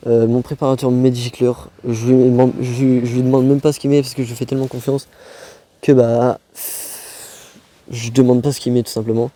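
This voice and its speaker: A man's voice: medium pitch, little pitch movement, a little fast, mellow. A young man chats informally and slangily to viewers, as a motorbike vlogger outdoors. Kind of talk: casual vlog chat. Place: outdoors in a quiet wooded spot.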